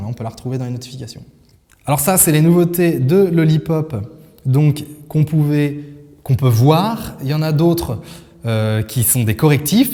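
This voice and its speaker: A man's voice: medium pitch, warm tone, big-room sound. Chatty man demoing a phone. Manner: chatty, many fillers and restarts. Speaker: tech video host. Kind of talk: casual product demo.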